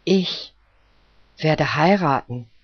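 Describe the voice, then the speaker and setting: A man's voice: on the high side, lively intonation, very slow, slightly rough, dry recording, exaggerated voice. A man voicing a dreamy young village woman who speaks solemnly, in a slightly muffled storybook reading.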